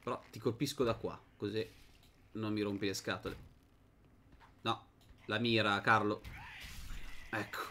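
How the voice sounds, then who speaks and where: A young man hosts a gaming channel, talking through a dark fantasy game in a loose, chatty way. His voice is bright and forward, and he talks to his viewers and to the game's characters as he plays. During tense fights his voice climbs into sudden excited shouts. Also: on the low side, a little slow, long pauses, a little hiss or hum. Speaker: gaming video host. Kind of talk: casual let's-play commentary.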